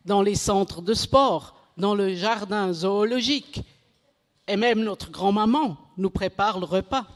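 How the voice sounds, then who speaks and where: Speaking French as a second language, a woman with a mid-range voice delivers a measured, unhurried conference talk, occasionally stumbling, restarting and correcting herself. A long reverb from the surrounding hall trails her voice.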